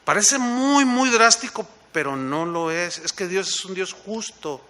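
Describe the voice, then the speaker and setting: Bright-voiced conversational pastor man. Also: sits high, animated, unhurried. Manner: conversational, asks the congregation rhetorical questions. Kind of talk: sermon.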